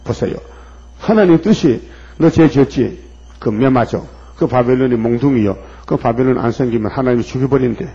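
Emphatic Korean preacher, husky and mellow. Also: male voice, mid-range voice, normal speed. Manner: emphatic, asks the listeners pointed questions. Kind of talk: sermon. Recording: dull lo-fi recording.

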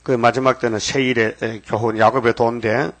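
A man's voice: medium pitch, level tone, fairly quick, fairly bright tone. An older man preaching a sermon in an emphatic, folksy way, breaking off with rhetorical asides.

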